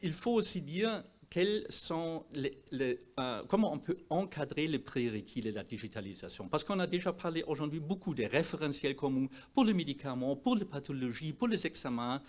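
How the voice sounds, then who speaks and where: Guy doctor giving a talk in french w a foreign accent, not native, really animated pitch, stresses points, hunts for words. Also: moderate pace, few pauses. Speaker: doctor presenting at a health conference. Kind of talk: presentation to an audience.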